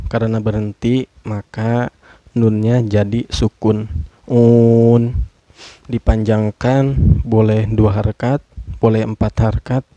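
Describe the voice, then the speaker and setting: A man's voice: on the low side, dark tone, dry recording, muffled recording. A man teaching Quran recitation rules, patiently spelling out each rule and stretching words to demonstrate. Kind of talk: tajwid lesson with slow demonstrative recitation.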